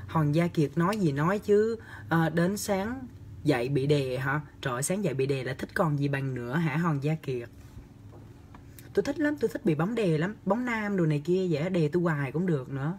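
Reading comments on a casual livestream, a young host responds in a playful, campy, teasing way, chatty and gesturing with lively exaggeration. His voice is slightly high at a normal speed. It's a small indoor room, recorded on a phone camera at arm's length with a little hiss or hum.

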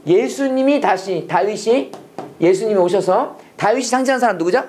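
A man teaching a preachy Bible English lesson to a class, animated and leading call-and-response while mixing English and Korean. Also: high voice, moderate pace, a little hiss or hum.

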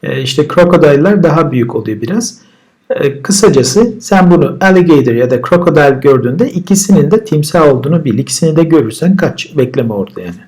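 Male teacher, slightly higher voice, repeats each word and then explains it calmly. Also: quick pace. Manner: relaxed explaining, with repeated words and translations. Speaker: English teacher. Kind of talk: vocabulary lesson.

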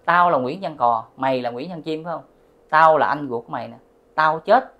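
A man voicing the angry ghost of a dead older brother, scolding loudly and roughly. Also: a little high, fairly quick, muffled recording, lightly acted. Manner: loud scolding, rough talk.

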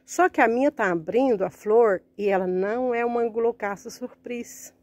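This orchid vlogger, a Brazilian woman, has a slightly high, somewhat mellow voice at a moderate pace, with no echo. She records a casual handheld-phone vlog in a large orchid greenhouse, calling out to viewers and gushing over each flower.

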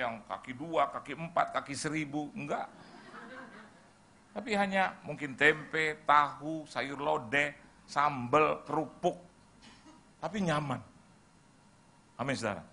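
A middle-aged pastor preaching with lively storytelling, bouncing between his own voice and the people in his anecdotes. His voice sits high and gravelly, with a bright, forceful edge. A faint hiss of background noise runs under the sermon. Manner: lively storytelling, acting out dialogue. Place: church hall.

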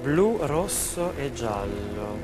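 A man's voice: mid-range voice, big pitch swings, extremely slow. A man in his thirties answering briefly as a quiz contestant, tentatively thinking aloud before he commits. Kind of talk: short spoken quiz answers. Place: large TV studio. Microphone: lapel mic. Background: music.

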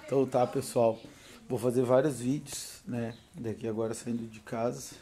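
Sleepless and jittery, a thirty-something paranormal vlogger with a southern Brazilian Portuguese accent records a relaxed selfie vlog, phone at arm's length, starting on his home porch before getting into a car. He talks loosely and laughs a lot, his medium-pitched, dark-toned voice measured and fairly even.

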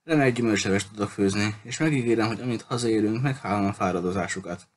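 Guy doing an anxious polite lady pleading in a storybook, lowish voice, faint hiss. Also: natural voice. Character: anxious earnest woman guiding a boat search.

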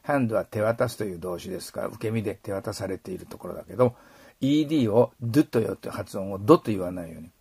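Middle-aged guy teaching pronunciation, low gravelly voice, dry close sound. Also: expressive, darkish tone, dry recording. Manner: repeats English phrases slowly and models sounds. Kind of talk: explaining pronunciation in a lesson.

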